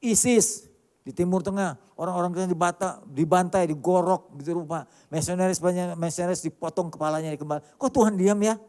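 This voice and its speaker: Male pastor, emphatic sermon delivery, rhetorical questions, slightly high voice, long church-hall reverb. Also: fairly quick. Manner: emphatic, rhetorical questions, swings between loud and quiet.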